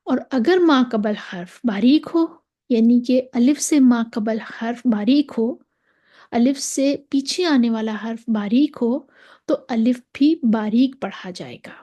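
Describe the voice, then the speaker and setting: A woman's voice: a little high, takes it slowly, mellow, lo-fi sound. A woman with a Pakistani Urdu accent teaching a tajweed lesson, patiently repeating and drawing out example syllables. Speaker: Quran recitation teacher.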